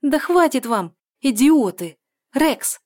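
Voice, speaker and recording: A woman reader voicing a young woman, a younger sister, shouting and pleading in an audiobook. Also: animated, brisk, dry recording, clean studio sound, close to an everyday voice. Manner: shouting, shrill. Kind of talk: audiobook character voice.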